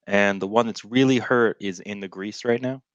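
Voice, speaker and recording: A man plays as a guest at a tabletop game, methodically asking about positions before he rolls. His voice is on the low side, and the sound is dry and close. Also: moderate pace, no room sound, highs cut off. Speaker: guest player.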